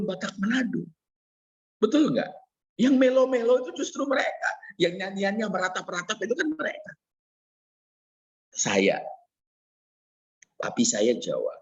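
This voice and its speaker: A middle-aged man preaching a sermon in a lively way, teasing the audience with questions. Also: high voice. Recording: dull lo-fi sound.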